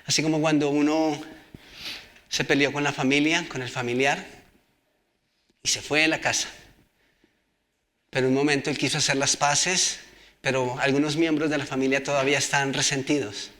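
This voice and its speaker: Bright-voiced preacher. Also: male voice, on the high side, little pitch movement, moderate pace, pauses often. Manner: reads scripture aloud and asks the congregation questions. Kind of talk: sermon.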